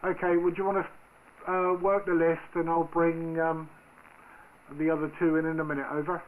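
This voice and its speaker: A man's voice: fairly high pitch, moderate pace, phone-quality sound. A man acting as controller of an amateur radio net, speaking informally and hesitantly in radio procedure. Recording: noisy shortwave radio, steady static.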